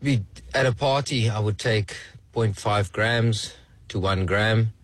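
A man in his forties speaks slowly and haltingly in a recorded voice note played on air, sharing a personal story as a listener. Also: on the low side, no echo. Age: 40s. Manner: slow and halting, with many pauses and ums. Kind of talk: casual personal testimony.

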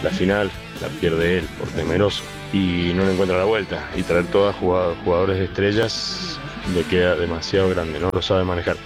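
Deep-voiced Argentine man, blunt. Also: steady tone, moderate pace, music in the background. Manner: emphatic and critical. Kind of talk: blunt sports opinion.

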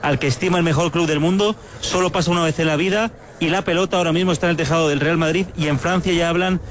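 A man delivering a breaking sports news report in a brisk, informative way. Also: on the high side, steady tone. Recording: crowd noise behind. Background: crowd of people.

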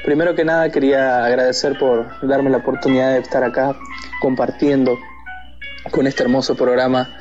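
A man's voice: mid-range voice, flat delivery, moderate pace, a little mellow, muffled recording, faint music behind. A man from Argentina with an Argentine accent, a guest talking casually in an interview, hesitant with many fillers and restarts. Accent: Argentine Spanish.

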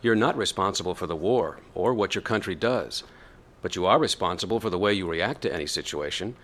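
An actor playing a calm, firm addiction counselor in a radio drama, measured and instructive. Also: male voice, sits low. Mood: firm, concerned.

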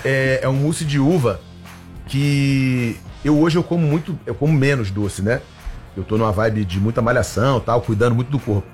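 A man's voice: mid-range voice, moderate pace, a little mellow, soft background music. A man as a talk show guest, easygoing as he tells stories about himself. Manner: easygoing, storytelling. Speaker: guest singer. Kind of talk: relaxed interview answers.

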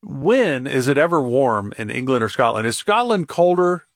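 A man hosting a radio talk show, asking his guest upbeat rapid questions and reading out a phone number. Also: medium pitch, very animated, dry recording, studio quality.

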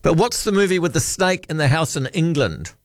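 A man's voice: fairly high pitch, sing-song, brisk, no room sound, studio quality. A man hosting a late-night talkback radio show, chatting and bantering with callers. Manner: chatty, warm-hearted banter, restarts. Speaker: radio host. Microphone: studio microphone.

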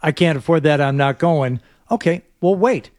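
A man co-hosting a casual sports talk show, reading out ticket prices with many pauses and restarts. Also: a little high, a little mellow, dry recording, studio quality. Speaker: sports radio host.

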